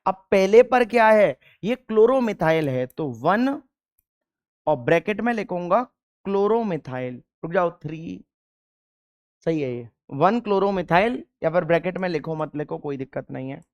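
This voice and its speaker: A male chemistry teacher lecturing a class, asking questions and answering them himself, and repeating key terms slowly. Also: sits high, animated.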